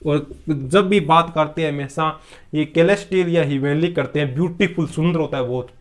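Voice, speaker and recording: A man's voice: on the high side, normal speed. A man teaching a vocabulary lesson, asking questions aloud and answering them himself, with English words mixed into his explanations. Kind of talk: classroom-style vocabulary lesson.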